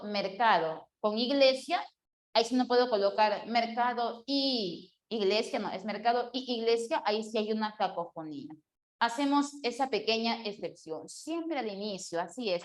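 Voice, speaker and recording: A woman teacher walks her class through a grammar rule one example at a time. Her voice sits a little high, and she keeps asking questions and then answering them herself. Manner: explains step by step with worked examples and rhetorical questions. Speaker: language teacher.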